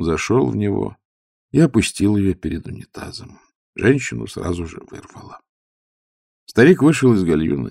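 Gravelly male audiobook narrator. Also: low-pitched, a little mellow, no echo, studio quality.

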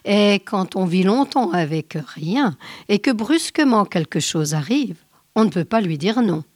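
A woman voicing a lonely, resigned man in love, in a story read aloud at a slow pace. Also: medium pitch, lively intonation, dry recording, clean studio sound.

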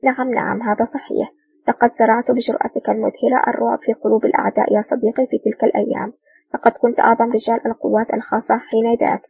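Woman reading an older ambassador: formal, friendly, husky, set back from a dull mic. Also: fairly high pitch, flat delivery, quick pace, dry recording, exaggerated voice. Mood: cordial. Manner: courteous, formal. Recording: dull distant dry recording.

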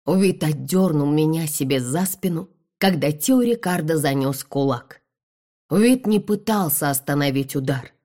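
Low-voiced woman reading an audiobook. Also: unhurried. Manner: expressive, dramatic reading. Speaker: audiobook narrator. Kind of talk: first-person audiobook narration.

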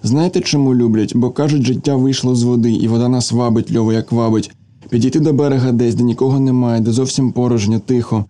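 A man voicing a heartbroken feverish young woman, soft, half-whispered, dark, quick delivery. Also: mid-range voice, fairly even intonation, natural voice. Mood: feverish, dreamy.

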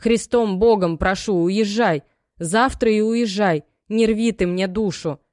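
A woman's voice: lowish voice, moderate pace, dry recording, studio quality, close to an everyday voice. A woman voicing an aging, worried mother who scolds and pleads in homely, folksy speech. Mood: pleading. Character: aging worried mother, stern yet loving.

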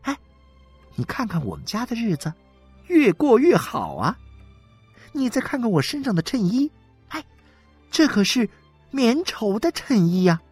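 A woman's voice: a little high, big pitch swings, a little slow, pauses often, a little mellow, slightly rough, no echo, soft background music, exaggerated voice. A woman voicing a smug, gloating wife. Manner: chatty and gloating, with many sighing "ai" fillers. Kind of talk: dramatic reading.

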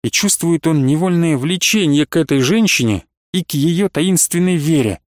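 Male audiobook narrator, measured and expressive, somewhat high voice, dry studio sound. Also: no echo. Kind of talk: scripted narration of a classic novel.

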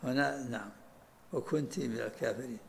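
Brief: sheikh teaching a religious text, fast-talking, gravelly voice, faint background hiss. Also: male voice, mid-range voice. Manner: explains by repeating and rereading lines of the text. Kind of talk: commentary in a religious lesson.

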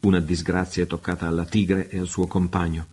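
A stern naval lieutenant delivers grave news in a formal, stiff manner, as a man reads him aloud. The voice is low and husky, with a flat line. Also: fairly quick.

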